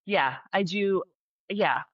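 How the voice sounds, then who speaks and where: This woman, a special education teacher guesting on a podcast, has a medium-pitched voice and takes her time, with no echo around her. Her casual talk is full of fillers, restarts and sudden excitement, and the sound quality is dull and muffled.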